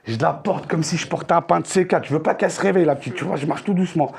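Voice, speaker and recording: A man doing stand-up comedy on a theater stage, telling crude, slangy stories with loud outbursts. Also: a little high, very fast, gravelly.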